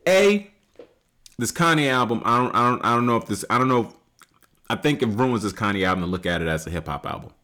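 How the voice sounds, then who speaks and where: A man in his late thirties hosting a solo podcast, talking casually and rambling with many fillers and restarts, rising loud and high when he makes a point. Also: animated, fast talker. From United States. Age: 30s. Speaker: podcast host.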